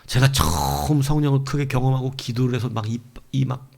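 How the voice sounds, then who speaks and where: Gravelly, animated male preacher. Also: mid-range voice, a little fast. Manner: lively preaching, acting out the devil's taunts. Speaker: pastor. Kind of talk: sermon.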